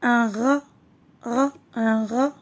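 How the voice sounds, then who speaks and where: A woman teacher, giving a slow classroom lesson. She stretches each word, repeats it, and switches between French and Arabic to explain. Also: on the high side, steady tone.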